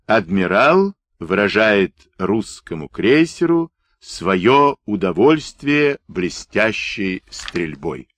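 A man narrating a book in an expressive, dramatic storytelling manner on a close mic. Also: fairly low pitch, no room sound. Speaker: audiobook narrator.

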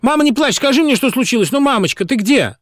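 A man's voice: very high-pitched, animated, fast talker, dry recording, studio quality, pitched above the performer's own voice. A man voicing a quarrelsome woman company director who screeches in anger and turns frantic on the phone.

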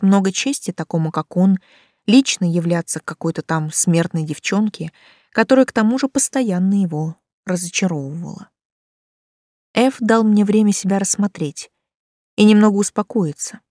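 A woman narrating a first-person fantasy audiobook in an expressive, lively reading. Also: mid-range voice, no echo, studio quality.

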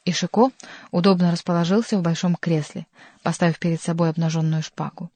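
A woman reading a novel aloud as an audiobook narrator, measured and calm. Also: on the low side, no room sound. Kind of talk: scripted narration.

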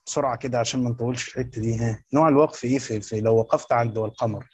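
Fast-talking Egyptian man lecturing. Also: mid-range voice, fairly even intonation, darkish tone, husky. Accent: Egyptian Arabic. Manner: rapid, repeats points and quizzes students. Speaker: teacher of Quranic exegesis. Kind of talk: classroom lecture.

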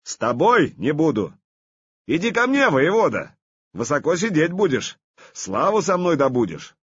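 A man voicing a proud, commanding warrior prince who shouts across a battlefield in a storybook reading. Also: fairly high pitch, sing-song, a little slow, husky, no echo, muffled recording, voice pushed up, heavily acted. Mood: booming commanding.

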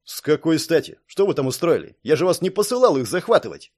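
A man reading aloud, voicing the stern male head of a watch service who speaks slowly and gives curt commands. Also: on the high side, very animated, darkish tone.

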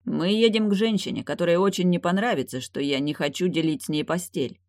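A sardonic young warlock, as the reader plays him, calm and grinning through every line. He speaks in a dry, close storybook voice with only a slight lift in pitch. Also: fairly quick, no echo, lightly acted.

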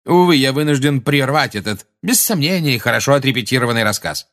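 A man's voice: mid-range voice, very animated, brisk, fairly bright tone, voice pushed up. A man voicing a pompous, scornful middle-aged minister with a sneering, haughty manner in an audiobook.

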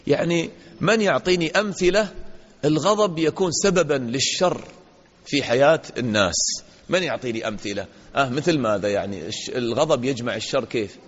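A man's voice: medium pitch, lively intonation, a little fast. A man giving an interactive religious lesson to children, asking questions, praising answers and acting out little dialogues. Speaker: sheikh teaching children. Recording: dull lo-fi audio in a reverberant hall.

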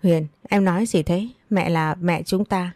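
A woman's voice: fairly low pitch, steady tone, a little slow, dark tone, no room sound, close to an everyday voice. Woman reading a pleading husband on the phone. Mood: placating.

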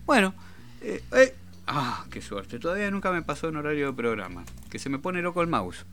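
There's slight background noise as this radio talk show host, speaking Rioplatense Argentine Spanish, rambles and jokes casually, amused at his own remarks. His voice runs on the high side, sing-song and a bit bright, and he talks fairly quickly.

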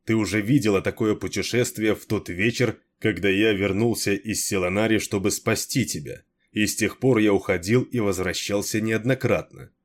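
A man reads a brooding, cursed immortal from an audiobook. He speaks in a fairly low, grave voice, slow and measured. He sounds tired of endless years. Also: fairly even intonation, natural voice. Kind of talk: audiobook character reading.

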